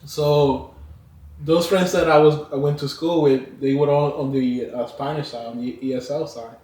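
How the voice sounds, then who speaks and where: A man's voice: on the high side, fairly even intonation, moderate pace, darkish tone. A man in his twenties from the Dominican Republic, guesting on a casual podcast, easygoing and restarting his sentences. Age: 20s. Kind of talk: casual chat. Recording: roomy sound, mic at a distance.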